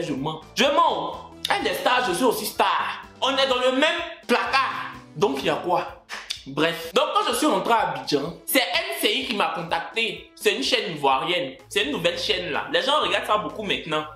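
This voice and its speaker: A young man with an Ivorian French accent, ranting and joking in a casual vlog. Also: sits high. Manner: animated, joking, swings between loud indignation and mutters. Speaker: YouTuber. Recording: echoey room with faint music.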